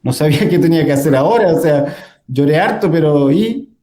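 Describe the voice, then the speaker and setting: Mellow-voiced man telling his story. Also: on the high side, animated, fairly quick. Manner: storytelling with frequent fillers and laughs. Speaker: guest. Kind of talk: casual testimony in a conversation.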